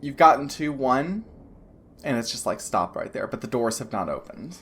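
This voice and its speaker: A woman with a very deep, husky voice narrates as game master for a tabletop game at a moderate pace, her pitch swinging widely. She talks loosely and hesitantly, full of fillers and restarts.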